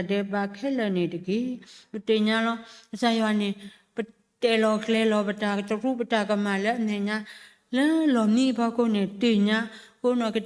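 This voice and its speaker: A woman giving a spoken testimony at church, halting and full of fillers and repeated syllables. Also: mid-range voice, a little mellow. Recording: long reverb of a church hall.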